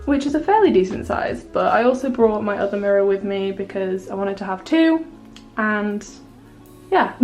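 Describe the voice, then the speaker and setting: A young woman with a slightly high voice chats through a casual tour of her small flat. She sounds a little tired and unwell, with plenty of fillers as she points things out. It is filmed indoors on a handheld camera. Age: young adult. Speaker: vlogger. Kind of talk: casual room tour vlog.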